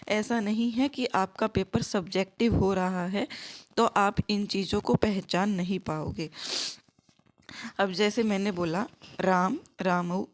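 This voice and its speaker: A woman gives an exam-prep grammar lesson at an unhurried, careful pace. Her pitch sits in an ordinary middle range, and she keeps repeating forms and asking her students to say them back with her. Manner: slow, repetitive, drills students in call-and-response; mixes English words into Hindi. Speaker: Sanskrit teacher.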